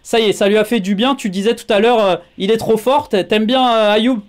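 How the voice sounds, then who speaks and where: Man, sports show host, high voice, casual, chatty, lots of fillers. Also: fairly quick. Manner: chatty, many filler sounds.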